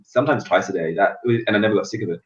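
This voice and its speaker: A man's voice: on the low side, racing. A young Australian man telling personal stories in casual chat, in a distant, echoey recording. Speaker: guest. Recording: echoey, distant, dull sound.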